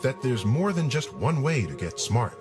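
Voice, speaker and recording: Guy doing nature documentary narration, pitch moves around a lot, music under him. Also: very animated, normal speed.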